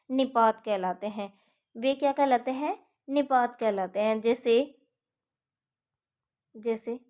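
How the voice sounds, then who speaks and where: Female tutor, exam-prep grammar lesson, patient repeating delivery, slightly higher pitch. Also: darkish tone. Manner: explains step by step, repeats examples, checks with "ठीक है". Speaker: teacher.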